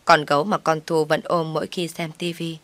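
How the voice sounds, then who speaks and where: A woman's voice: low-pitched, little pitch movement, normal speed, fairly bright tone, no room sound. A woman narrating a dramatic first-person story, recorded on a close mic in a dry room.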